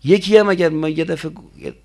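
A man preaching a sermon, telling stories in colloquial speech and slowly chanting prayer lines. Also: fairly high pitch, fairly even intonation, creaky, darkish tone.

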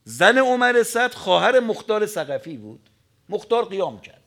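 A man preaching an emotional religious sermon, telling a story with sudden surges of pitch and volume that fall back to a low murmur. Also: sing-song. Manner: dramatic storyteller, voice surging high and loud then dropping low.

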